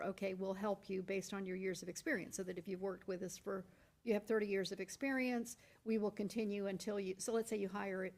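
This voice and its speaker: A woman speaking as a school board member in a meeting room. Her pitch sits in the middle and her delivery is deliberate. She walks through her reasoning with one hypothetical example after another and often restarts her sentences. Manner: explains with step-by-step hypotheticals, frequent restarts. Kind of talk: deliberating at a public board workshop.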